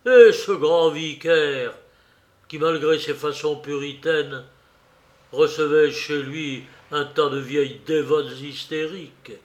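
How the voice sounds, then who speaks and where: Man, audiobook narrator, literary reading, slow pace, slightly high pitch, measured. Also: fairly even intonation.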